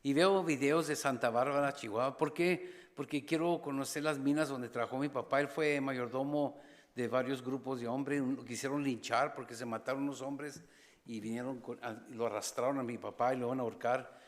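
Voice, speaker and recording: A man preaching as a pastor, passionate, rising to loud appeals and dropping to hushed asides. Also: mid-range voice, fairly even intonation, moderate pace. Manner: impassioned, swings between loud exhortation and hushed asides; slips briefly into English phrases. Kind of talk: sermon. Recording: long church reverb.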